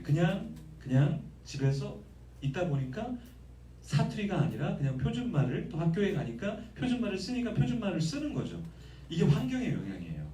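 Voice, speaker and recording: Guy preaching a sermon, high lively voice, keeps asking the crowd questions, echoey church, mic kinda far. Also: a little hiss or hum. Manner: lively conversational preaching, asks the congregation questions. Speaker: guest pastor. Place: church sanctuary.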